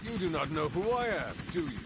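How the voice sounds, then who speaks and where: A man's voice: on the high side, sing-song, a little fast. An actor playing a proud, scornful warrior in a video game, haughty and formal in his taunts. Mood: haughty, taunting. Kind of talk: video game combat lines. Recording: loud gunfire and battle noise behind.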